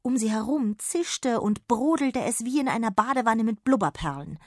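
A woman narrating a children's story in a gentle, measured way. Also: a little high, expressive, dry recording, studio quality. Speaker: audiobook narrator.

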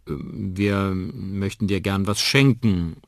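A kindly, bashful middle-aged uncle from a children's radio story, as a man voices him. His voice is husky and swings freely in pitch. He speaks warmly, with a touch of shyness. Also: big pitch swings, brisk, dry recording, studio quality. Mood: friendly. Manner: warm and a little bashful.

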